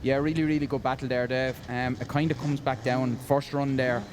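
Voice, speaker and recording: Flat-toned male competition judge explaining. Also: mid-range voice, crowd noise. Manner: measured, matter-of-fact, hesitant pauses. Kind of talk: unscripted technical explanation of a decision. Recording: clear outdoor vehicle noise behind.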